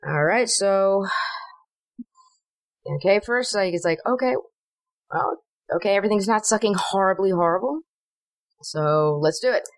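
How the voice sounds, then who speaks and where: A woman's voice: mid-range voice, animated, measured pace, pauses often, no room sound. A woman playing a tabletop game, chatty and hesitant, with many fillers. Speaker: player. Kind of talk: casual tabletop play.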